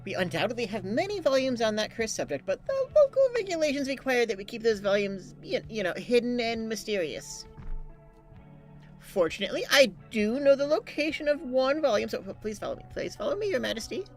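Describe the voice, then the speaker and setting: A man voicing a courteous, apologetic court librarian from a game, speaking in a formal, deferential and halting way. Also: very high-pitched, big pitch swings, faint music behind, exaggerated voice. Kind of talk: character voice reading game dialogue.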